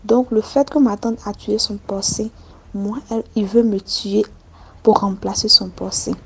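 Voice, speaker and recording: This story contributor, also an Ivorian woman with an Ivorian French accent, shares her personal account in a voice message built on plain, repetitive wording. She speaks at a medium pitch, steady and a little slow, with a creaky quality and some faint hiss or hum on the recording.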